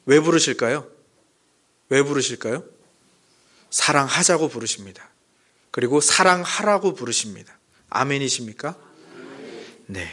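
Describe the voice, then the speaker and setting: A man preaching a sermon as pastor to his congregation, asking them questions and acting out quoted lines and jokes. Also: pushed and bright. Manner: addresses the congregation directly with questions; acts out dialect jokes and quoted lines with rising pitch. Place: church.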